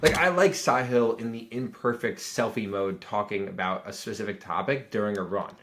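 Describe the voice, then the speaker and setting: A man with a fairly low, slightly bright voice reviews a video's YouTube strategy at a normal pace. His casual critique rambles, packed with "like" fillers and restarts, over soft background music.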